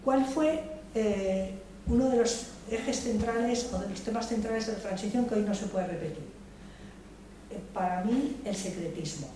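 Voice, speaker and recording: An older Madrid woman speaks spontaneously about politics at a public debate in a large hall, her mid-range, dark-toned voice moving at a moderate pace. She sounds reflective and hesitant, often restarting and repeating words. The echoey recording catches her from far off, with faint noise.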